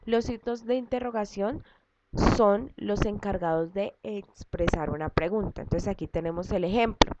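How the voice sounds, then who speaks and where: Woman teacher walking pupils through a lesson step by step, patient and repetitive; muffled low-fi recording. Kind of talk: recorded class lesson for students. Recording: dull lo-fi audio with loud background noise and clicks.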